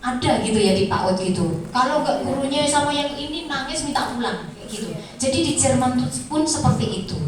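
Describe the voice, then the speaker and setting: A middle-aged woman, a kindergarten teacher giving a lively lecture to students, storytelling with acted-out voices and frequent laughs. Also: sits high, fairly quick, hardly any pauses. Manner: animated storytelling, acts out voices, laughs often. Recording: echoey room, voice from far off.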